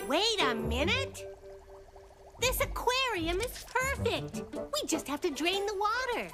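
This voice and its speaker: A woman voicing a bossy, quick-witted, determined little girl in a children's cartoon, speaking decisively and plainly. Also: extremely high pitch, big pitch swings, over loud music, exaggerated voice.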